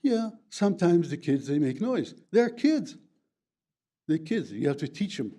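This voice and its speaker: An older resident from the former Soviet Union stands before a county board to give public comment, speaking English haltingly with fillers and broken grammar. A Plattdeutsch native, he has a mellow, fairly high voice with big swings in pitch.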